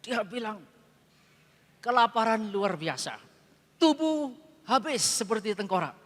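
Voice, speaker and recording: A man pastor preaching a sermon, retelling a story dramatically, repeating phrases for emphasis and often sinking to a hushed voice. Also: high voice, expressive, a little slow. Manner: heavy repetition for emphasis. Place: large retreat hall. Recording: long hall reverb.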